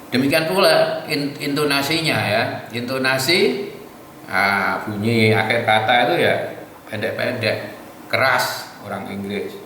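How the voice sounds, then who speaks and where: A male English teacher explaining a lesson patiently, repeating each example slowly. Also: mid-range voice, bright, forceful tone. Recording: echoey room from far off, faint noise.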